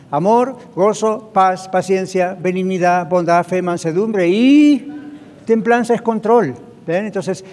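Male pastor, high voice, emphatic sermon delivery, reverberant hall. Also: darkish tone. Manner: emphatic, asks the congregation "¿ok?" and "¿ven?" often. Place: church hall, also broadcast on radio.

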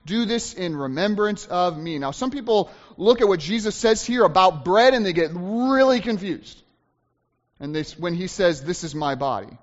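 A high-pitched male pastor delivers an emphatic sermon, hammering home key phrases by repeating them. His voice rings out through a long hall reverb in a church sanctuary. The recording itself sounds dull and muffled. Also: expressive, moderate pace.

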